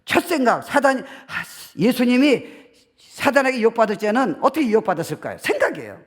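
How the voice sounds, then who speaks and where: A male pastor giving a lively sermon, laughing often, acting out voices and dropping in English phrases. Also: very high voice, a little fast. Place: church sanctuary.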